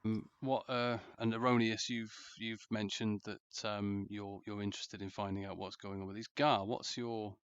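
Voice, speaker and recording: A man narrating a tabletop game as dungeon master, relaxed and halting, with many fillers. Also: fairly low pitch, clean tone, no echo. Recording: dull lo-fi sound.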